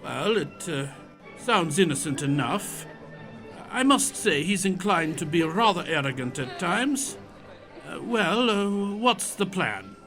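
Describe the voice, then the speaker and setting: A man plays a loyal, genial doctor in an audio drama. His voice is high and very animated, with a hesitant, old-fashioned manner. Music plays behind him. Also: takes it slowly, heavily acted. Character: loyal, affable, easily amazed doctor Watson. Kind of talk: audio theatre acting.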